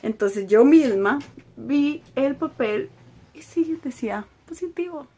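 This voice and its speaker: A young woman, telling a personal story on her vlog with a slightly high voice. She speaks emotionally and circles back to repeat her words. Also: lively intonation, slow pace, mellow. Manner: emotional, repetitive retelling. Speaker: vlogger.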